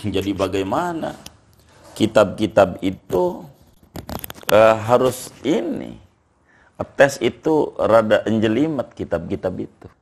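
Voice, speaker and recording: An older man speaks in a very low, gravelly voice. He explains patiently as a scholar in an interview, often repeating his phrases. Now and then he reads classical Arabic text aloud. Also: sing-song, slow, pauses often, a little mellow, slight background noise. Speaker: Islamic scholar, interview guest. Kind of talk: relaxed conversational interview.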